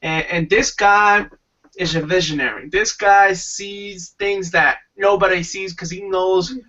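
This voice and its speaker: A man's voice: sits high, fairly even intonation, measured pace, pushed and bright, recorded from a distance, dull audio. A man hosting a webinar, talking enthusiastically in a rambling way with restarts. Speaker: webinar host. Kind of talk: casual pitch talk.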